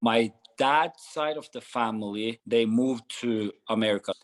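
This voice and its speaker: A man's voice: mid-range voice, a little slow, low-quality recording. A man in his thirties who grew up in Norway answers interview questions in his mid-range voice. He speaks earnestly and often restarts his sentences as he goes. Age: 30s. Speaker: gym founder, guest.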